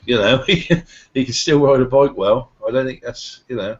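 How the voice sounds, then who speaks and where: A man's voice: mid-range voice, normal speed, a little mellow, a little hiss or hum. Chatty man, muffled call. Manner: chatty, filler-heavy. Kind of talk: casual group chat over video call. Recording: dull lo-fi call audio.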